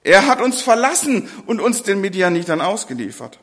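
A preacher voicing Gideon, pleading and doubtful. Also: male voice, high voice, sing-song, moderate pace, fairly bright tone, heavily acted. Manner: pleading, rising questions. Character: anxious, doubting young male farmer Gideon. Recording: long hall reverb.

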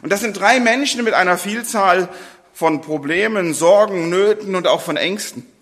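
A man preaches a sermon and reads from the Bible, speaking earnestly and turning straight to his listeners. His voice is high and bright. The sound rings out with a long hall reverb. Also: normal speed. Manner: earnest, addresses the congregation directly.

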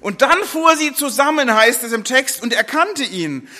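Man, high voice, bright tone, sermon, lively storytelling, briefly voices the people in the story. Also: normal speed. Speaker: preacher.

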